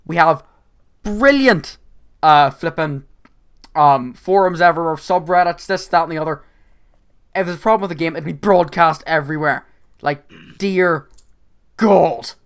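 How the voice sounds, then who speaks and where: Energetic man with a sore voice. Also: fairly high pitch, unhurried, pauses often, clean tone. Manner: energetic, trips over repeated words. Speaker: podcast host. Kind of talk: casual gaming chat.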